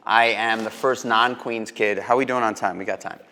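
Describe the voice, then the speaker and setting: A man from New York City hosting a podcast, telling stories excitedly and swearing a lot. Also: on the low side, moderate pace. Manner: excited storytelling, heavy swearing. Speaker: podcast host. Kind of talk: casual podcast chat. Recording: long reverb.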